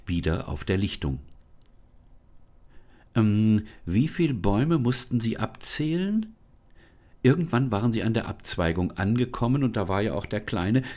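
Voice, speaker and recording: A man reads a children's storybook aloud in a calm, measured manner. His voice is on the lower side, and he pauses now and then for small asides. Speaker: volunteer children's book reader.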